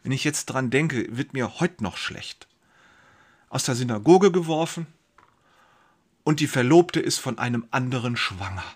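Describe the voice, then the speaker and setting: A man's voice: medium pitch, expressive, measured pace, pauses often. A man playing a pious, anxious young carpenter, telling his story in first person with emotional swings between brooding and outbursts. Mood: rueful.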